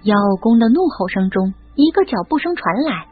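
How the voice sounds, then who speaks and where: A woman narrating a novel audiobook in an expressive storytelling manner. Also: fairly high pitch, fairly quick, breathy edge. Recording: lo-fi phone-like audio. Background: faint music.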